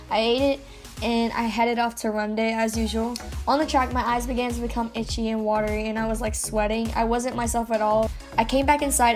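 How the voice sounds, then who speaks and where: Here a Louisiana teen YouTuber narrates her own life in a chatty manner, dropping "like" frequently. The pitch sits on the high side with a darkish tone, and music runs beneath the recording.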